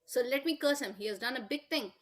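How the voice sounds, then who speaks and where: A woman's voice: high-pitched, fast talker, lightly acted. A woman playing a sage's furious young son. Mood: indignant. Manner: indignant, emphatic.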